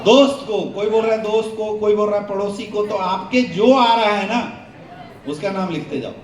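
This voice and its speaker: High-pitched man coaching a crowd in an echoey hall. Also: moderate pace. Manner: call-and-response questions to the crowd, jokey. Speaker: network marketing trainer. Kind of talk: seminar training talk to an audience. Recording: roomy echo, voice from a distance, faint hum.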